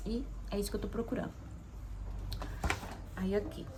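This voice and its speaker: A young Brazilian woman speaks in a casual, confessional monologue, her accent clear as she opens up about her own life. She sounds heartfelt and chatty, often tagging her sentences with little check-ins to the listener. Her voice sits at a middle pitch, with a faint hiss of noise behind it. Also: normal speed. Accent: Brazilian Portuguese. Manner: chatty and heartfelt, frequent "né" and "sabe" tags. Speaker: mother sharing a personal testimony.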